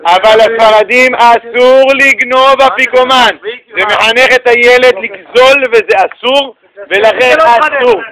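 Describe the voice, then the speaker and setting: A rabbi giving a lively, humorous religious lesson, telling stories and joking with his listeners. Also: extremely high pitch, a crowd in the background, low-quality recording. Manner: animated, joking storyteller addressing the audience.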